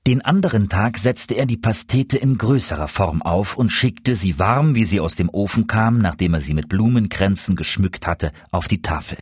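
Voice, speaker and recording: A man reading a fairy tale aloud with expressive, animated narration. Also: on the low side, normal speed, few pauses, slightly rough, no room sound, studio quality. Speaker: storyteller.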